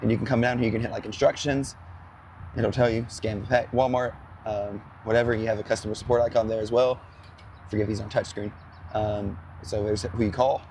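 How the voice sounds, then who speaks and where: A hoarse man whose voice is fading, talking quickly and loosely outdoors beside a charging station. He rambles and fills gaps with ums as he explains. There is faint noise around him. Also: lowish voice, little pitch movement, a little mellow. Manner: chatty, rambling, full of fillers. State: hoarse, losing his voice. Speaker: co-host. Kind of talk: casual explanatory chat.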